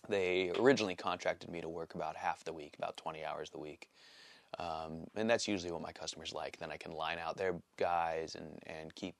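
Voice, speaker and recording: A man in his late forties giving a casual, rambling vlog update, halting often with fillers and restarts. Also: sits low, steady tone, gravelly, dry recording. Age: 40s. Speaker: vlogger. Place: small cold workshop shack.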